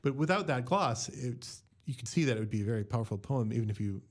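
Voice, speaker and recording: A man hosting a podcast interview, posing long, deliberate questions in a measured way. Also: mid-range voice, expressive. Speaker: podcast host.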